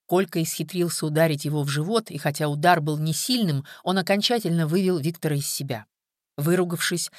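A woman narrating an audiobook in a steady, even reading voice. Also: low-pitched, dry recording, studio quality. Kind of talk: scripted narration.

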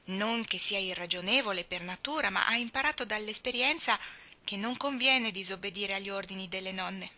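A woman's voice: mid-range voice, normal speed, pushed and bright. A woman voicing a thoughtful, anxious young schoolboy in an audiobook reading. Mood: earnest. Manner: solemn, anxious, talks like a grown-up.

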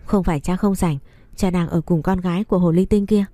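A woman's voice: fairly low pitch, steady tone, fairly quick, dark tone, no room sound, lightly acted. A woman voicing a tearful, whining little boy in a read-aloud story. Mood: pleading.

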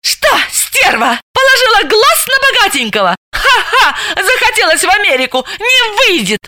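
A woman voicing a jealous, quarrelsome young woman who screeches accusations in a shrill, very high voice. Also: sing-song, normal speed, sharp tone, no room sound, studio quality, full character voice. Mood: shrieking.

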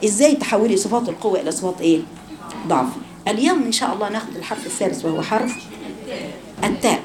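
A woman's voice: medium pitch, expressive, very fast, a crowd in the background. A woman with an Egyptian accent teaching a live Quran recitation class. She drills letter sounds and quizzes her students.

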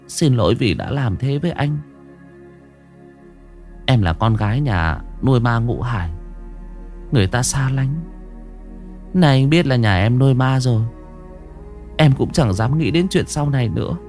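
A man voicing a sorrowful, shy young highland woman in a spoken ghost story. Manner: soft, tearful, pleading.

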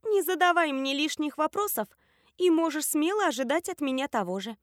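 A woman voicing a small, bossy, sharp-tongued young sorceress who scolds bluntly. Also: high voice, animated, fairly quick, no room sound, studio quality, pitched above the performer's own voice. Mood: curt. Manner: blunt, scolding, matter-of-fact.

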